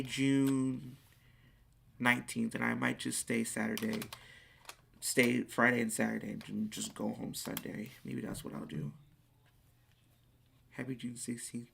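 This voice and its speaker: A speaker in their late teens chatting casually on a live stream, reading viewers' questions aloud and answering in excitable bursts. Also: mid-range voice, measured pace, creaky, a little hiss or hum.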